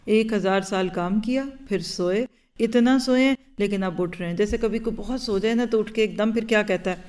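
A woman's voice: medium pitch, a little mellow. A woman giving an earnest religious lecture as a Quran teacher, urging her listeners with rhetorical questions and dropping English words into her talk.

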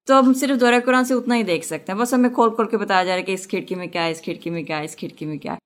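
A woman student speaking up in her class to share a personal reflection. She talks earnestly and explains her point through a homely everyday comparison. Her voice sits at a middle pitch.

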